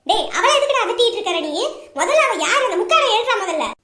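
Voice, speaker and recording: A scolding, lamenting mother-in-law, played by a woman, who berates her son at length. Her voice is very high and shrill. It is recorded in a roomy, echoing space. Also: sing-song, quick pace, exaggerated voice. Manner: loud scolding, dramatic lamenting. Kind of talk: comedy skit acting. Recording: roomy echo.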